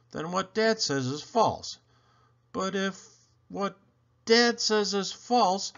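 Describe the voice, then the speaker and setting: In a high-pitched voice, a man reads a children's picture book with animated storyteller flair, leaning into dramatic emphasis and playful swoops. The recording's highs are cut off.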